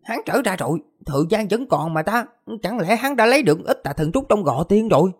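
A man's voice: high-pitched, expressive, brisk, breathy edge, pitched above the performer's own voice. A man doing a muttering scheming young genius. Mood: suspicious. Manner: muttering, suspicious.

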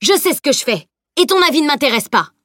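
A woman's voice: a little high, normal speed, fairly bright tone, dry recording, clean studio sound, pitched above the performer's own voice, close to an everyday voice. A woman voicing a stern male general and arms master who speaks curtly and with command. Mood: stern, angry. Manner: curt and commanding.

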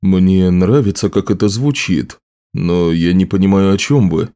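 A troubled middle-aged harbor master, voiced by a male reader. His voice is low and mellow, with an anxious, pleading edge. He sounds worried throughout. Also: unhurried. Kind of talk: audiobook role reading.

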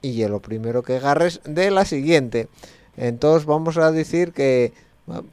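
A man's voice: on the high side, a little slow, a little mellow, clean tone, no room sound. A man with an Asturian accent hosting a late-night community radio show, musing in a rambling way with slightly slurred speech and a frequent questioning tag. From Asturias, Spain.

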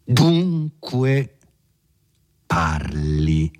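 A man's voice: lowish voice, lively intonation, takes it slowly. A man voicing a hot-tempered young peasant who presses and threatens with insistent demands. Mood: angry demanding.

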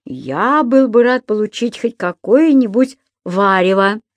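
A woman's voice: mid-range voice, a little slow, no echo, natural voice. Timid flustered man, as a woman reads him, stammering, hesitant, dry close sound. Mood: eager.

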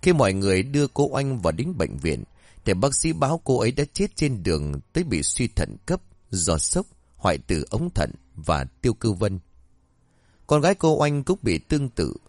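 A man narrating a scripted horror story with an expressive storytelling delivery. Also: fairly low pitch, normal speed, dry recording.

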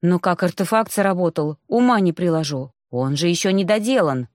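A woman reading an audiobook, voicing a frightened young witch in a large man's body, speaking low, pleading and apologetic. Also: normal speed, darkish tone, dry recording, clean studio sound, close to an everyday voice. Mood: flustered.

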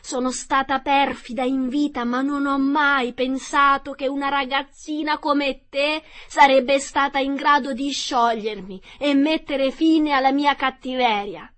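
A woman's voice: high voice, fairly even intonation, a little slow, hardly any pauses, a bit bright, pitched above the performer's own voice. A woman reading a storybook aloud, voicing a wicked, cunning old witch who taunts and wails. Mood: wailing. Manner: taunting, then wailing in despair.

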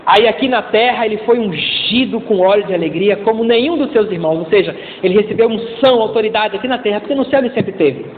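Male pastor, high voice, chatty sermon full of acted-out voices, tinny echoey church sound. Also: quick pace, hardly any pauses, slight background noise. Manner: conversational preaching with acted-out voices and call-and-response. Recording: echoey church hall over a tinny line.

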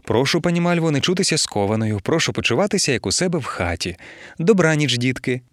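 A man's voice: mid-range voice, very animated, fast talker, no echo, studio quality, pitched above the performer's own voice, close to an everyday voice. A man reading an audiobook, voicing a fussy, overly polite middle-aged mother-in-law who pleads and apologizes.

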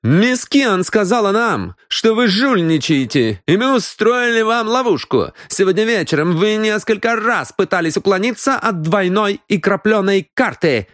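A man voicing a cold, firm young gentleman. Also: high voice, expressive, normal speed, hardly any pauses, dry recording, clean studio sound, voice pushed up. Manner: cool, firm.

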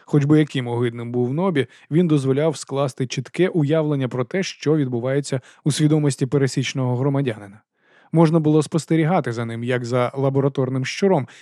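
A man narrating an audiobook in a steady, even reading voice. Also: mid-range voice, no echo, clean studio sound. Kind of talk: scripted narration.

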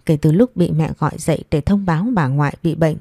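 A woman narrating a romance audiobook in an even storytelling manner. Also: low-pitched, a little fast, slightly rough, no echo, studio quality.

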